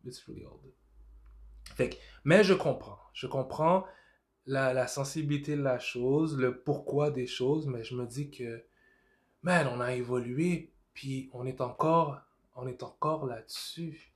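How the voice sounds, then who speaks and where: A man's voice: medium pitch, a little slow. A man with a Québécois French accent in a casual conversation, slipping into English with frequent restarts. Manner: code-switches into English, many restarts. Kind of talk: casual chat.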